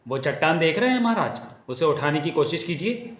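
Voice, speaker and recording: A cunning, sharp-tongued court schemer sneers and mocks in a comic cartoon, as a man puts him on. The voice is a touch high and cheeky. It echoes in a roomy space. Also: big pitch swings, a little fast. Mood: scheming. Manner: cheeky, mocking. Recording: echoey room.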